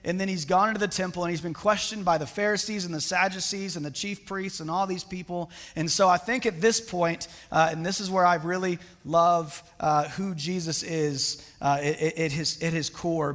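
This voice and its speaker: A man's voice: on the high side, fairly even intonation, moderate pace, hardly any pauses, fairly bright tone. A man preaching a sermon in a casual, conversational way, often restarting his sentences with fillers. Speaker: pastor. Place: church sanctuary. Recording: reverberant church hall.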